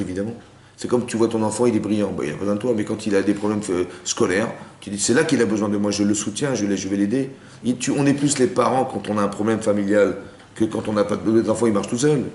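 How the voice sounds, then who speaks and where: Male rabbi teaching a class, quick delivery, rhetorical check-ins, echoing room. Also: lowish voice, a little mellow. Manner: keeps asking the class if they understood; mixes Hebrew terms into his talk. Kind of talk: spoken Torah lesson. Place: lecture room with listeners. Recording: roomy room with faint background noise.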